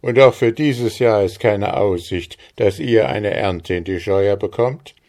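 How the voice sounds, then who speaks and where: Blustering stout farmer, loud and boastful, as a male storyteller puts him on, unhurried delivery. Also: lowish voice.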